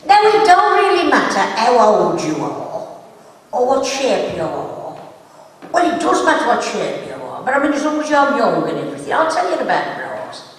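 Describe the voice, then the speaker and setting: A woman spins chatty, gossipy comic stories in a high, bouncy voice that leaps up and down. She is heard from a distance in a big echoing hall, with a faint hum of the room behind her. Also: huge pitch swings, normal speed. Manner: chatty, gossipy, laughs at her own jokes. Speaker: stand-up comic. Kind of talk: comic storytelling on stage. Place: live stage show in a hall. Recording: echoey hall from far off.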